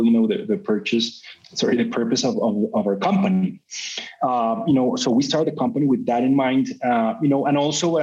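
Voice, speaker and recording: In a business interview, this Colombian CEO of middle age chats freely about his journey, often restarting and leaning on "you know." He has a warm, mid-range voice, and the audio is slightly muffled.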